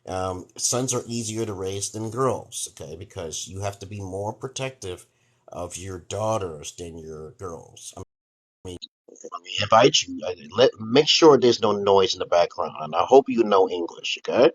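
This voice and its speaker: Low-voiced New York man rambling on a livestream. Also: expressive, a little slow, husky. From Brooklyn, New York, USA. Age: 40s. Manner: rambling, repeats "okay?" often. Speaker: livestream host giving relationship advice. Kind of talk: casual livestream monologue.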